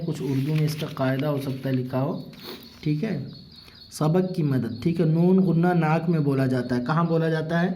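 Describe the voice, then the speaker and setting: A man teaching a reading lesson, who asks and answers his own questions and repeats words slowly. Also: on the high side, mellow. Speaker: Urdu and Arabic reading teacher. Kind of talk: slow classroom-style reading lesson.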